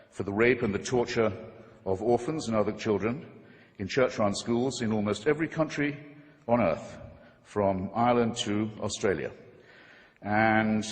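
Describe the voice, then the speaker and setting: A man giving a formal debate speech to a live audience, wry and ironic, with measured oratory and pointed asides. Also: fairly low pitch, in a large hall. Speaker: debate speaker.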